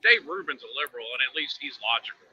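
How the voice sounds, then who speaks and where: A man's voice: medium pitch, animated, quick pace, pushed and bright, dull audio, slight background noise. A man in casual political chat, joining over a video call that keeps breaking up, talking bluntly and swearing freely. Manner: blunt and profane. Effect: video call connection, breaking up. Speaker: panelist on a live show. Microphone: remote video call.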